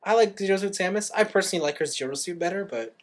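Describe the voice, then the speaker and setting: A man's voice: high voice, animated, racing. A man co-hosting a podcast, chatting casually and animatedly as he leads the segments. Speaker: podcast co-host. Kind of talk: casual chat.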